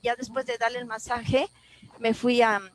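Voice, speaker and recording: A woman in a class discussion telling a personal story, halting and full of restarts, recorded over a video call. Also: on the high side, level tone, rough recording. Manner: halting, many restarts and repeated words, emotional retelling. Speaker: class participant.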